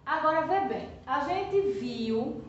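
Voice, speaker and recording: A woman primary school teacher with a Brazilian Portuguese accent giving a patient remote lesson to young children, checking in with "tá?" after nearly every phrase and stretching out example words slowly. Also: sits high, animated, a little hiss or hum. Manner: slow, drawn-out stressing of example words; refers to herself as "tia". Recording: echoey room, distant from the mic, slightly muffled.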